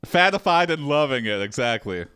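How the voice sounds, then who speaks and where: A man hosting an AI text adventure, commenting casually in an amused, drawn-out way with frequent laughs. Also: mid-range voice, sing-song, sharp tone, smooth, dry recording, clean studio sound. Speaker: host playing an AI text adventure.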